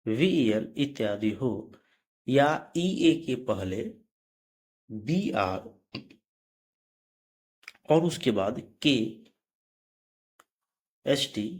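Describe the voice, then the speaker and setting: This slow explanatory lesson features a man with a medium-pitched, darkish voice teaching English pronunciation. He goes letter by letter through words before saying them, now and then correcting himself mid-lesson.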